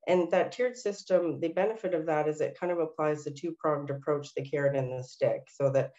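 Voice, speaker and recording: A woman's voice: low-pitched, brisk, dark tone, highs cut off. A woman with a nasal voice, a senior city policy planner presenting a workshop over a video call, with frequent ums and uhs as she asks for the next slides. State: recovering from illness, nasal. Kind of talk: webinar presentation.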